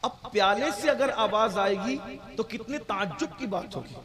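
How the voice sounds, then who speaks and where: High-voiced male preacher, fiery sermon. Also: a crowd in the background. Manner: emphatic, exhorting, rising to shouts.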